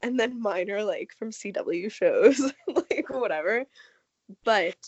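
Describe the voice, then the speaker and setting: In casual podcast chat, a woman with a cold sounds nasal and scratchy, saying "like" constantly as she rambles. Her mid-range, darkish voice is animated but slow, recorded in dry, slightly dull lo-fi audio without echo.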